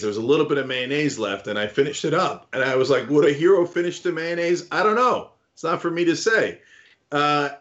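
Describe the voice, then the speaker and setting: Rambling older man with a Jersey accent. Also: mid-range voice. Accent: New Jersey. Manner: rambling storyteller, playful. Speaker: podcast host. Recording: dull lo-fi remote audio.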